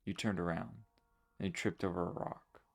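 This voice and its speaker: A man voicing a protective older sister who is a reaper, speaking quietly and somberly in a game. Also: sits low, fairly even intonation, normal speed, creaky. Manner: quiet, somber, subdued reading. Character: protective teenage girl reaper, guarded.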